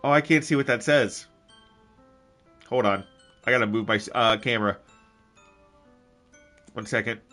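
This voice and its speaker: A young man playing a game on stream, reading the dialogue aloud and chatting with viewers in a loud, rambling, jokey way. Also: medium pitch, a little slow, pauses often. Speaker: let's play streamer. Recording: game music underneath.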